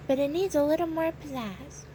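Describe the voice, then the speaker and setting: A woman voicing a silly, excitable male hatter who loves to holler, with playful drawn-out exclamations. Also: high-pitched, a little hiss or hum, lightly acted, poor audio. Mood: jolly.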